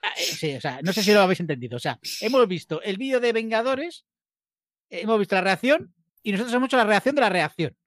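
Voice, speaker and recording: A man from co-hosting a casual reaction chat, joking in quick banter. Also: high voice, lively intonation, a bit bright, no echo, studio quality. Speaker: co-host.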